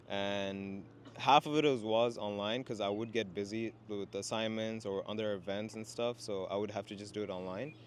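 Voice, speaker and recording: Outdoors in a city with traffic close by, a young student guest, Sri Lankan but raised in Qatar, chats casually about job hunting and leans heavily on fillers like "you know." He has a fairly low voice, and there is a little hiss or hum.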